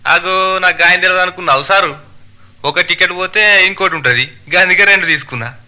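A man's voice: sits high, brisk, voice pushed up. A man doing a cocky, smug bus passenger. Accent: Telangana Telugu. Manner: smug, loud, cheeky.

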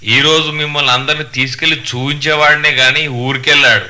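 A man voicing a boastful old villager who drawls slowly. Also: a little high, steady tone, bright, forceful tone. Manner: slow, drawling, bragging.

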